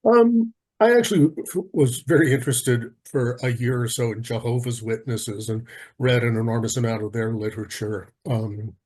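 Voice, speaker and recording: A man in his sixties from the United States, answering interview questions in a hesitant way with many pauses and restarts. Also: medium pitch, a little mellow, husky. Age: 60s. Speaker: guest.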